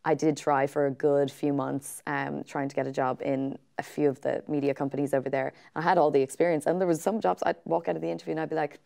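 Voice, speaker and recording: Low-voiced chatty Irish woman, gravelly. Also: fast, hardly any pauses. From Ireland. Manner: chatty, animated storytelling with acted quotes. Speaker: guest presenter. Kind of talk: casual interview chat. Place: small studio set with sofas.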